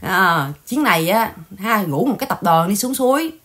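A woman's voice: mid-range voice, expressive, normal speed, a bit bright, soft background music. A woman hosting an online channel, chatting casually and mocking others in scolding gossip. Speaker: channel host. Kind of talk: casual livestream chat.

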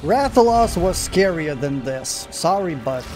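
A man's voice: on the high side, measured pace, over music. A man narrating his own gameplay, swearing freely and talking to the monster he fights. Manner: swears often, talks to the monster, excitable outbursts. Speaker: gamer. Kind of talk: live gameplay commentary.

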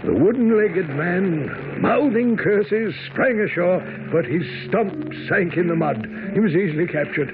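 An actor in a radio drama playing an earnest, excitable gentleman doctor, a detective's loyal companion. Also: high-pitched, a little slow, few pauses, over music. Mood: sober narration. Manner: earnest, expressive. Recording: dull, noisy old radio broadcast.

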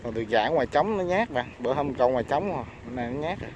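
Excitable Southern Vietnamese fishing vlogger. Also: male voice, medium pitch, racing, background noise. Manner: bursts into loud exclamations when landing fish. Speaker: fishing channel host. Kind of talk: excited fishing vlog commentary. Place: on a floating raft on a river outdoors.

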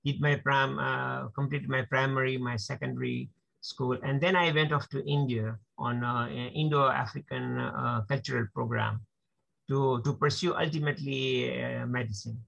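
A man in his sixties from Kenya, a doctor speaking as an interview guest over a video call, halting and repeating words as he talks. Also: mid-range voice, gravelly, fairly bright tone. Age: 60s. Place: small room at home, indoors. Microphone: laptop mic on video call. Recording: dull lo-fi video call audio.

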